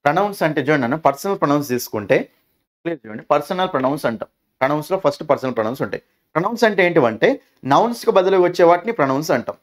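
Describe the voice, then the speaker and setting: Male teacher with a Telugu accent, quick and high-pitched, runs a classroom grammar drill with rhetorical questions. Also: big pitch swings. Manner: asks questions and answers them himself, calls students "nanna". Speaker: English teacher.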